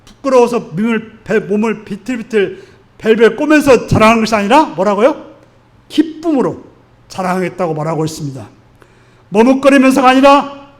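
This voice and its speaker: A male pastor preaching a Sunday sermon in an earnest, exhorting way, putting question after question to his congregation. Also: high-pitched. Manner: asks the congregation frequent rhetorical questions.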